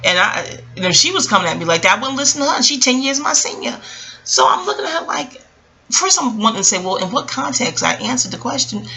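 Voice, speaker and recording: Talking fast in a slightly high voice, a vlogger in her early forties tells a personal story casually and reflectively, digressing frequently and acting out quotes in an animated retelling. The recording is rough.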